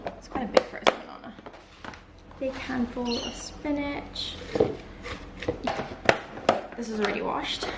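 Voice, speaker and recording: In this day-in-the-life vlog, a young woman chats upbeat and casual to camera, scattering fillers throughout. Her high-sitting voice is croaky from just waking, with fairly even intonation, an unhurried pace and long pauses. The echoey room carries clear background noise.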